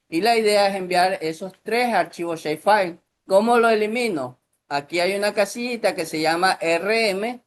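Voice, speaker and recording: Male instructor, calm step-by-step explainer for a software tutorial. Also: sits high. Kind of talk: screen-recorded software tutorial.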